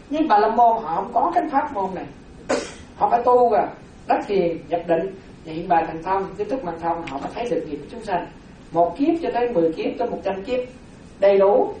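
A woman giving a Buddhist Dharma talk, explaining slowly with repeated phrases and rhetorical questions. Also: mid-range voice, a little mellow, a little hiss or hum. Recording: very echoey hall from far off.

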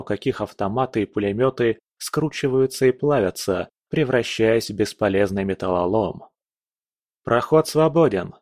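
A man narrates a first-person fantasy audiobook in a voice of ordinary pitch. The recording is close and dry, with no room sound. When the characters shout, he raises his pitch and volume to match. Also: no echo.

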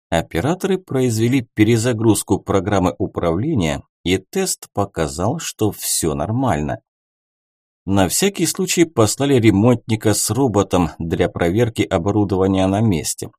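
Low, mellow male audiobook narrator. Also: dry recording, clean studio sound. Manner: measured, expressive storytelling. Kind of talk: scripted narration.

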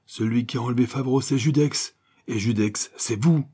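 A man's voice: mid-range voice, normal speed, dark tone, breathy edge, voice pushed up, lightly acted. A man voicing a bandit baron who hurls accusations. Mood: accusing. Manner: accusing, hammering. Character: accusing male baron, a bandit, loud and forceful.

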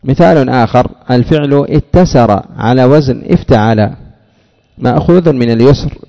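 A man teaching an Arabic grammar lesson, explaining step by step, asking rhetorical questions and drawling out example words slowly. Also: mid-range voice, vocal fry, mellow, in a large hall, lo-fi sound. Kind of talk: classroom lecture on grammar.

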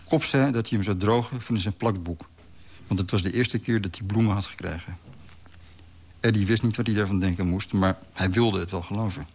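A man reading a literary story aloud in a calm, measured way. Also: fairly low pitch. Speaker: narrator. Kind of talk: scripted literary narration.

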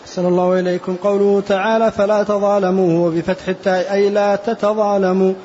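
A high-pitched man reads a classical text aloud in a steady recitation, stopping to spell out how each word is voweled. The recording is dull and lo-fi, with a faint hiss behind him. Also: fast talker.

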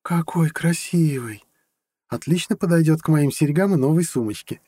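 A man's voice: on the high side, fairly quick, dark tone, no echo, clean studio sound, pitched above the performer's own voice, lightly acted. A man voicing a teasing young woman. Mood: playful. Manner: light, teasing, giggly speech. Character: playful teasing young woman, the narrator's girlfriend.

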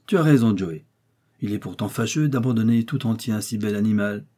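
A practical, blunt hunter, read by a male narrator, speaks firmly and plainly. His voice is dark and mellow with a husky edge. He is a figure in an adventure audiobook. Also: on the low side, fairly quick, natural voice. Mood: steady. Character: bluff male professional hunter, steady and blunt.

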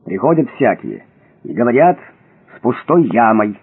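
A man voicing a calm, mysterious male watchman who lectures patiently and a little mockingly. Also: medium pitch, moderate pace, husky, pitched below the performer's own voice, exaggerated voice. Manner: calm, instructive, slightly mocking. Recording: thin phone-like audio.

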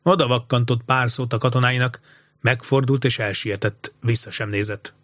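A man narrating an audiobook story in an even, measured way. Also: medium pitch, dry recording, studio quality.

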